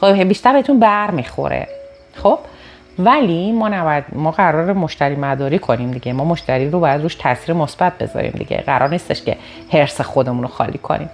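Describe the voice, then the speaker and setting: A woman giving an informal spoken lesson on handling customers, acting out the customers' replies in quick voices. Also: sits low, expressive, faint music behind. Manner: conversational, explanatory. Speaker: sales trainer.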